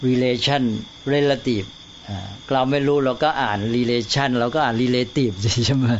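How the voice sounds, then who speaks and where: An older man, a Buddhist monk, giving a slow, plain-spoken dharma talk and often checking that listeners follow. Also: mid-range voice. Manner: slow, unhurried, plain-spoken teaching with frequent checking questions. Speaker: senior Buddhist monk teaching. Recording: dull lo-fi recording with faint hiss.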